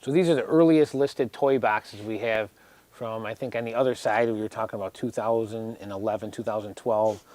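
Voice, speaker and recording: A man's voice: fairly low pitch, fairly even intonation, fairly quick, darkish tone, no room sound. A man in his forties chatting casually as he gives a tour, explaining practical details in a matter-of-fact way. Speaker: warehouse business owner giving a tour. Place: indoors, large warehouse storage aisle.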